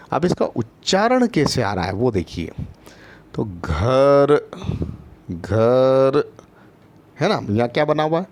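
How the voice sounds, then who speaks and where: A man's voice: mid-range voice, a little mellow. A man teaching first graders in an online lesson, patient and repetitive, often checking in with his listeners and drawing out letter sounds. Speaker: primary school teacher.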